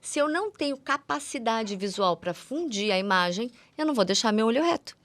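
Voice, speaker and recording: The voice sits on the high side, lively and fairly quick, with no room sound: a woman with a Brazilian accent, guesting as an eye doctor. She teaches in a chatty way for a general audience, repeats words to emphasize them, and uses endearing diminutives.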